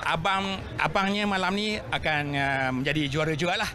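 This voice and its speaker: A middle-aged man from Terengganu, Malaysia, giving a courteous street interview, halting often with fillers. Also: on the high side, very noisy. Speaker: football fan interviewee. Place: outdoors at a crowded stadium forecourt. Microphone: reporter's handheld microphone. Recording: very loud crowd.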